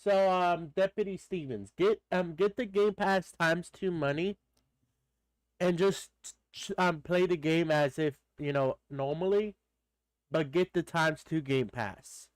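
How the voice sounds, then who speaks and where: A Texan man with a stuffed-up nose streams a game live, chatting casually, greeting viewers by name and rambling with lots of fillers. His voice is fairly high and unhurried, with no room sound.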